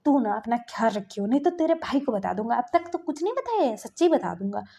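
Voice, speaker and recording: A woman's voice: on the high side, sing-song, quick pace, vocal fry, dark tone, full character voice. A woman voicing a protective young man who scolds his bedridden best friend, reading a fan story aloud in a bossy tone. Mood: scolding.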